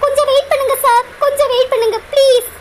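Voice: very high-pitched, steady tone, fast, a little hiss or hum. A voice actor playing a timid young woman in love who pleads and frets in a cartoon. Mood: tearful pleading. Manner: pleading, repeatedly says sir. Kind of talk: cartoon voice acting.

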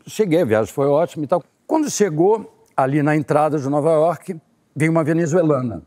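A Brazilian man in his sixties, an actor guest on a talk show, telling a story with lively, acted-out delivery. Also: a little high, fairly quick. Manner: animated storyteller, acts out quotes.

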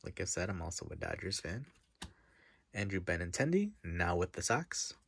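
The voice is low, gravelly and slightly rough, swinging widely in pitch at a normal pace. It belongs to a stuffy-nosed, middle-aged man opening card packs at a desk backed by stacked card boxes, casually commenting, reading names aloud and occasionally dropping to a near-whisper.

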